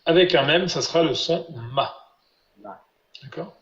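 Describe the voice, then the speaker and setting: A man with a fairly high voice teaches a class over a video call, patient and steady. He repeats each syllable slowly so students can follow. The sound is roomy and a little dull, like a lo-fi call recording. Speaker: Biblical Hebrew teacher. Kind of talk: live online class.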